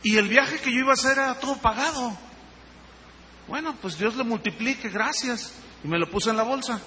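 Animated pastor preaching in a hall. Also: male voice, extremely high pitch, moderate pace. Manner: animated storytelling, acting out dialogue. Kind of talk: sermon. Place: church hall. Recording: reverberant hall with faint noise.

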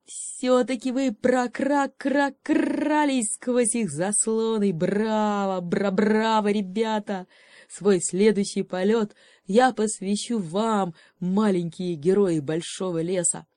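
A woman voicing a carefree, cheeky raven who drawls slowly and stutters croaks into his words. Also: medium pitch, steady tone, dark tone, no room sound, studio quality, lightly acted. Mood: admiring.

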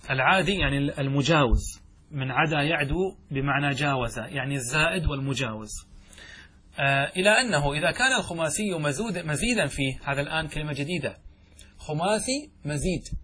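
A man's voice: on the high side, animated, fairly quick, sharp tone, breathy edge. A man giving a classroom lecture on Arabic grammar, explaining step by step and asking his students questions.

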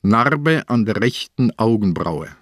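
An actor playing a calm, shrewd aging police inspector in a radio play, reasoning aloud in a measured way. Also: male voice, fairly low pitch, no echo, studio quality. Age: older.

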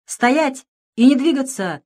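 Lady doing a big loud outlaw guy, teasing and threatening, voice pushed high. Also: expressive, moderate pace. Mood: brash. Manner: sneering, loud. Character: big brash male outlaw, mocking and threatening.

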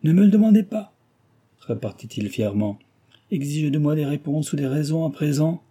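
A man voicing a bitter, proud and agitated ruined gentleman in an audiobook, speaking in a raised, vehement way with a husky voice. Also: fairly high pitch, brisk, pitched above the performer's own voice. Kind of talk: audiobook character reading.

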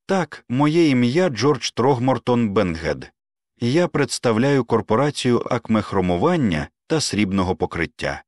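A man's voice: medium pitch, a little slow, no room sound, studio quality. A man reading a story aloud as an audiobook narrator, voicing every character himself. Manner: reads every character in his own voice, lively intonation. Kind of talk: scripted narration.

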